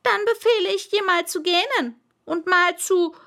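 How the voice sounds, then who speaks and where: A woman's voice: extremely high pitch, moderate pace, gravelly, bright, forceful tone, pitched above the performer's own voice, exaggerated voice. A woman voicing a proud, stern but kindly old king in a storybook reading, with pompous, commanding declarations.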